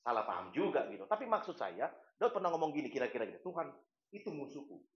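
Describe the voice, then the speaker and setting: Animated preacher, echoey hall. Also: male voice, mid-range voice, quick pace. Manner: colloquial and playful, mixing in local slang and acted asides. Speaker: pastor. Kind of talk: sermon. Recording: echoey, muffled church recording.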